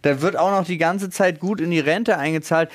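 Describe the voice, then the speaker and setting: A man's voice: a little high, no echo, studio quality. A man co-hosting a casual podcast chat, talking freely and reading facts aloud between laughs. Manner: chatty, reads facts aloud, quick to laugh. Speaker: podcast co-host.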